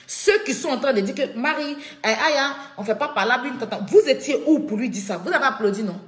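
A woman's voice: high-pitched, expressive, a little fast, fairly bright tone. A woman speaking on a live video from her home, indignant and repeating her points with emphasis. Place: at home, echoing room. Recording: echoey room.

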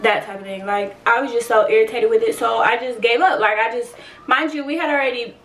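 A woman's voice: fairly high pitch, fairly quick, fairly bright tone. A woman in her twenties telling a personal story in a casual vlog, blunt, emotional and full of swearing. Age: 20s. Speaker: vlogger. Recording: roomy echo, distant from the mic, faint ambient noise.

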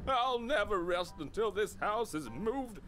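An actor voicing an indignant, grumpy ghost bear in a video game, complaining in an aggrieved way. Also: male voice, high-pitched, animated, unhurried, fairly bright tone, soft background music. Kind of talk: video game character acting.

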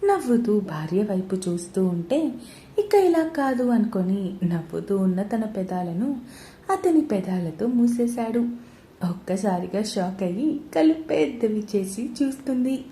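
Mellow woman narrating a romance story. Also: mid-range voice, lively intonation, a little slow, echoey room, a little hiss or hum.

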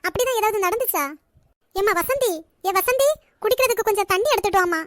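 A woman's voice: extremely high pitch, fast, fairly bright tone, no echo, clean studio sound. A woman voicing a bossy head of the family. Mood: probing. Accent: Nagercoil Tamil. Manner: questioning and commanding.

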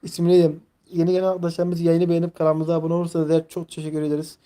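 A young man in his twenties hosts a casual live stream, talking in a mellow, soft-edged tone. He rambles, leans heavily on fillers and reads the chat aloud as he goes. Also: fairly high pitch, monotone, very fast. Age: 20s.

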